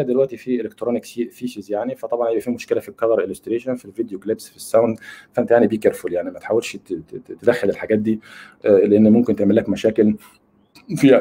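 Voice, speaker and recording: A middle-aged man with an Egyptian Arabic accent gives a casual webinar lecture, rambling and slipping English terms into his colloquial speech. His mid-range voice has a dark tone and a breathy edge.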